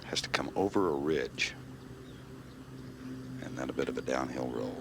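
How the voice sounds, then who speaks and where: Very deep-voiced male golf commentator. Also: lively intonation, moderate pace, creaky, noisy background. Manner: sparse, clipped phrases. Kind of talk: measured live golf commentary.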